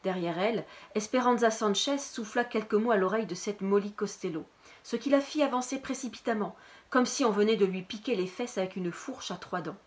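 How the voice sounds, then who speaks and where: A woman reading a novel aloud in a calm, steady narrating voice. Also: medium pitch, brisk. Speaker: reader.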